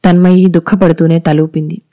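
In scripted audiobook narration, a medium-pitched narrator reads a story aloud in a measured, even storytelling style.

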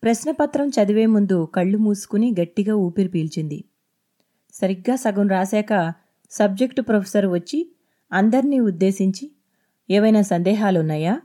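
Mellow-voiced woman reading her novel aloud. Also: mid-range voice. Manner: steady, measured storytelling. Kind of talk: audiobook narration. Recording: echoey intro over music.

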